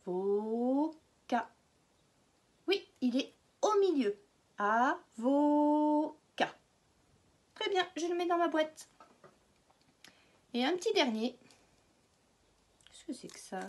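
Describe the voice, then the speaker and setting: A woman's voice: extremely high pitch, animated, measured pace, pauses often. A woman with a French accent, teaching a phonics lesson to small children and stretching words out syllable by syllable.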